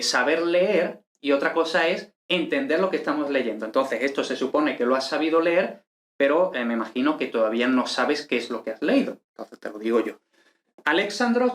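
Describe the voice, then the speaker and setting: A man's voice: fairly high pitch, a bit bright. A man teaching an online lesson and explaining each point step by step, often checking in with short tag questions. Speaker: teacher of ancient Greek.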